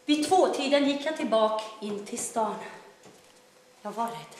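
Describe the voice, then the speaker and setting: Actress as a wry, troubled self-proclaimed daughter of God, high voice, very echoey stage room. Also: female voice, expressive, close to an everyday voice. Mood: storytelling. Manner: wry, shifting between bursts of loud speech and hushed telling. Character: troubled woman claiming to be God's daughter. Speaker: stage actor in a monologue. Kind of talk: theatrical monologue.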